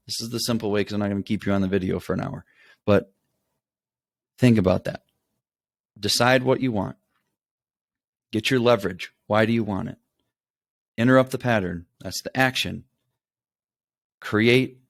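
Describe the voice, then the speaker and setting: A man's voice: on the low side, no room sound. Dry-voiced man coaching on habits. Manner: repeats key steps, says "okay" and "right" often. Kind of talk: motivational teaching talk to camera.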